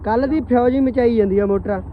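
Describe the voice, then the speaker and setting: A man's voice: very high-pitched, fast, phone-quality sound. A man with a Punjabi accent chatting casually as a vlog host, in a colloquial way, often tossing questions to companions. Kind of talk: casual outdoor vlog chat with bystanders. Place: outdoors on a farm. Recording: some outdoor ambient and engine noise.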